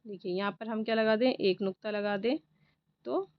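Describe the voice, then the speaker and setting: A woman's voice: mid-range voice, steady tone, normal speed, dry recording, dull audio. A woman teacher patiently going through an exam paper, asking questions and answering them herself. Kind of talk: exam paper walkthrough lesson.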